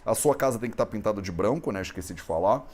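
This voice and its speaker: A Brazilian man with a lowish, slightly mellow voice teaches an Ayurveda lesson that explains Sanskrit texts. He speaks quickly and expressively in a conversational style, and he often ends his phrases with a questioning tag.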